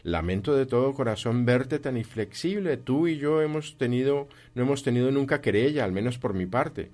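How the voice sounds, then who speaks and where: A man's voice: medium pitch, animated, moderate pace, a little mellow, pitched above the performer's own voice, lightly acted. A man doing an earnest, cheerful young nephew. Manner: earnest and pleading. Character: cheerful, warm-hearted young male nephew. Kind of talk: audiobook reading.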